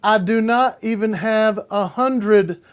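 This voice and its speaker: A man's voice: sits high, slow pace, smooth. A man guest, an impressionist, chatting casually and joking at his own expense. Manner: self-deprecating, playful. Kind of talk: casual chat.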